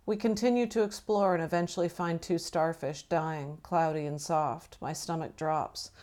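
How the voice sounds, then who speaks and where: A middle-aged woman reading a reflective personal essay as a mother, measured and thoughtful. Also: sits low, fairly even intonation, darkish tone. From British Columbia, Canada. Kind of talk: scripted personal narration.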